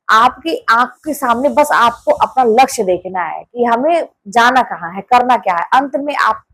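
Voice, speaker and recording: An insistent woman gives a motivational talk to the camera in a casual, conversational tone. Her voice sits somewhat high, and she drives her points home by repeating them. The recording is close and dry, with almost no room sound. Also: no room sound, low-quality recording. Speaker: motivational YouTuber.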